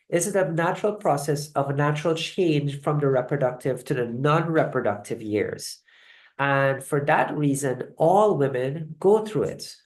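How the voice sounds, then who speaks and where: Lady presenting on a video call, chatty and a bit halting, keeps asking right?. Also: sits low, darkish tone. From Guyana. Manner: conversational, halting, often checks in with "right?". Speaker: host of a live online wellness session. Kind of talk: live online presentation. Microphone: video call mic.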